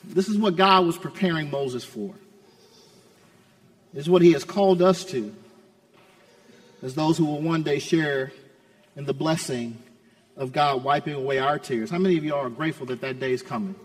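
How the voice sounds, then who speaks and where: A male pastor delivers an impassioned sermon in a high, ringing voice. He surges to urgent peaks, then drops to hushed asides, restarting and repeating words to press his point. His voice trails into the long reverb of a large church hall. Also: normal speed, long pauses.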